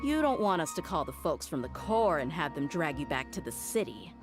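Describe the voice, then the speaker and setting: A hard-nosed female mercenary in a video game. Her voice is on the low side, curt and commanding, with a cool threat in it and clear music behind. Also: very animated, brisk. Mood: stern, threatening. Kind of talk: scripted video game dialogue.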